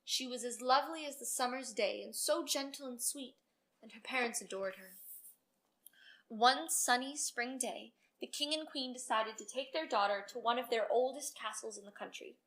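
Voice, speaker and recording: A female storyteller reads a children's storybook aloud with expressive narration. Her pitch is fairly high and her pace is normal.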